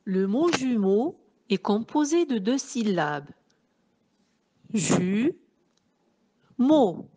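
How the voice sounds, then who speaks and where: A woman's voice: fairly high pitch, sing-song, slight background noise. A woman teacher giving a phonics lesson to young children, sounding out words syllable by syllable. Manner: slow, syllable-by-syllable dictation, addressing pupils warmly as children.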